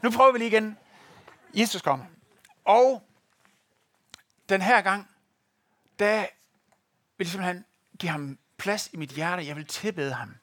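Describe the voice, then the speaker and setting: A man's voice: high-pitched, long pauses, fairly bright tone, no room sound. A man preaching a sermon to a congregation, telling stories and addressing listeners directly. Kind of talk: sermon with a live demonstration. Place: church in front of a congregation.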